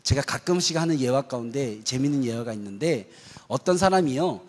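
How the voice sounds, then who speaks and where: A male pastor preaching a sermon, lively, acting out loud cries and quoted prayers to the congregation. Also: mid-range voice, fairly quick. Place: church sanctuary. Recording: long hall reverb of a church.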